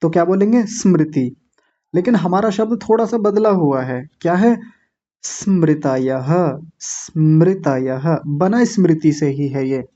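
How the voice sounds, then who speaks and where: A man teaching an online class, slowly and patiently drilling each syllable and gently correcting common mistakes. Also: high-pitched, highs cut off. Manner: repeats words slowly, syllable by syllable, with corrective asides. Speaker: Sanskrit pronunciation teacher. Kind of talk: slow patient classroom instruction.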